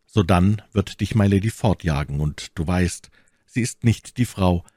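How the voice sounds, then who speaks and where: A man's voice: low voice, unhurried, mellow, dry recording, clean studio sound. A man voicing a young, self-assured musketeer who talks persuasively. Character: young scheming male musketeer, smooth-talking.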